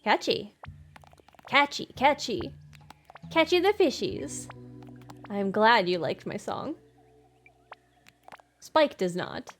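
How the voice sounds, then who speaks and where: A woman's voice: on the high side, sing-song, slow, pauses often, soft background music, full character voice. A woman reading the lines of a cheerful villager who is proud of a catchy fish song, in a chirpy sing-song way.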